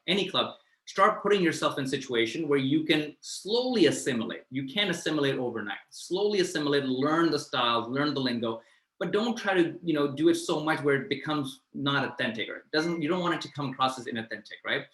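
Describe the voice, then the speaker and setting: A man from Pakistan, a finance mentor answering student questions on a video call, talking in a lively, conversational way and often adding "right?". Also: mid-range voice, echoey room, low-quality recording. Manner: fast, animated, conversational, lots of "right?" tags.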